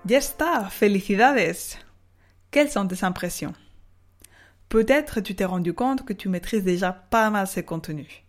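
A woman teaching Spanish on a podcast lesson, speaking slowly and drawing out model words for the listener to repeat. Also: medium pitch, lively intonation, soft background music. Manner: slow, carefully spelled-out model words for repeating.

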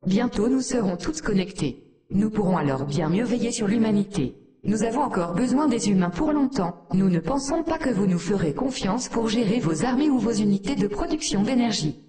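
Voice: mid-range voice, lively intonation, moderate pace, warm tone, lightly acted. A performer voicing a sardonic female artificial intelligence that talks down to humans with cold contempt, in an echoey room. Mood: scornful.

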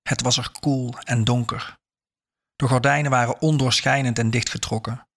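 A man calmly reading a story aloud as narrator. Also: mid-range voice, moderate pace. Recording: faint background music.

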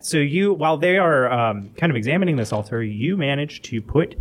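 Lively man narrating as game master. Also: fairly high pitch. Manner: descriptive, measured narration with fillers.

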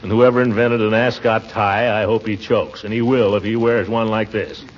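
A man's voice: on the low side, flat delivery, moderate pace, highs cut off, natural voice. A man playing a pompous, flustered middle-aged bachelor in a 1940s radio comedy, sputtering his protests. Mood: grumbling. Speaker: title character of a radio sitcom. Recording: hissy 1940s radio recording.

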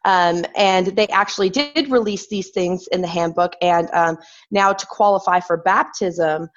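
A woman whose voice is hoarse and raspy from bronchitis talks as a guest in a loose, irreverent chat. She laughs easily between points, and the recording sounds dull and lo-fi. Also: on the low side, measured pace. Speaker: guest, philosopher. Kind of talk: casual conversation. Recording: dull lo-fi audio.

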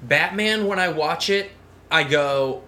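A man's voice: fairly high pitch, slow pace, sharp tone. A man from the American Midwest with a Midwestern accent, co-hosting a podcast in a playful, jokey casual chat and laughing often. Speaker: podcast co-host.

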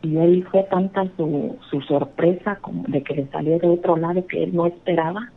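A woman, calling in and telling her story over a thin, tinny phone line. Her voice is gravelly and husky. She tells it earnestly and rambles, often restarting her sentences. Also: lowish voice, fairly even intonation, moderate pace. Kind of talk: casual storytelling.

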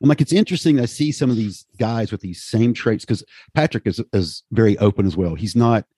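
A man's voice: on the low side, a little fast, mellow, breathy edge, dry recording, studio quality. A man in his fifties hosting a casual, enthusiastic conversation, often tagging his sentences with "right?". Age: 50s. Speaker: podcast host.

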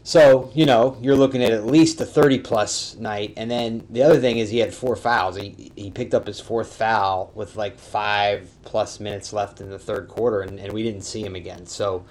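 A man speaking as a podcast guest and sports writer, chatting casually and haltingly as he thinks aloud. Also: lowish voice, steady tone, a little mellow.

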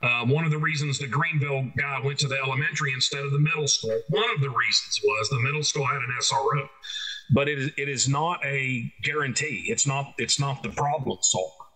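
A man's voice: mid-range voice, a little fast, sharp tone, low-quality recording. A man with an Arkansas Southern accent explaining things informally as an expert guest, plain-spoken and emphatic, repeating key phrases for stress. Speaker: guest expert, trainer who speaks to schools and police.

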